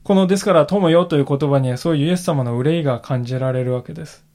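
A male pastor giving a sermon in an earnest, reflective way, slowing down to stress key phrases. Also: fairly high pitch, dark tone. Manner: earnest, reflective preaching with emphatic slowed phrases.

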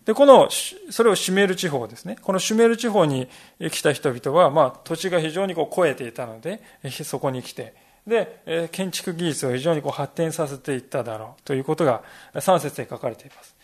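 A male pastor giving a Sunday sermon, explaining things step by step and often pausing on fillers. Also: on the high side, animated. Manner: explanatory, peppers phrases with "desu ne" and fillers.

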